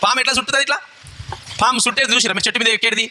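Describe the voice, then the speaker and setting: A man's voice: extremely high pitch, steady tone, very fast, sharp tone, a little hiss or hum. A male bishop, preaching a sermon with a live demonstration, throwing questions at the congregation and coaxing helpers step by step. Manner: fires rhetorical questions at the congregation.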